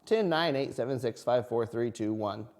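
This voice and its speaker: A man voicing loud, eager, goofy storybook penguins chanting sing-song cheers, as if reading to a toddler. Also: medium pitch, moderate pace, lightly acted. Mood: rhythmic chant.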